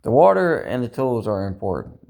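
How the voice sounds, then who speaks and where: Speaking to camera, this man vents in a rambling, confessional style, dejected and frustrated with himself and swearing frequently as a personal vlogger. His voice is mid-range and dark with vocal fry, big pitch swings and a moderate pace.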